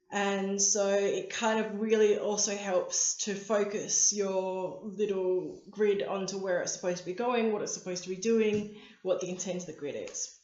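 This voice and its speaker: A woman's voice: mid-range voice, a little mellow. A woman who is losing her voice chats casually about crystal grids in a rambling, friendly way, with lots of ums and likes. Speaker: crystal grid teacher and seller. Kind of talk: casual chatty vlog. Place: indoor shop space. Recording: roomy, dull lo-fi sound.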